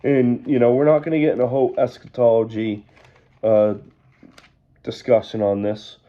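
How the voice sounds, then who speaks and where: A man leading an evening Bible study, reading scripture aloud and then explaining it in a measured way. He says he is losing his voice. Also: medium pitch, flat delivery, muffled recording.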